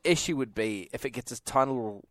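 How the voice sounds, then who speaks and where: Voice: mid-range voice, fast talker, no echo, studio quality. A radio co-host in casual chat who laughs easily and talks playfully.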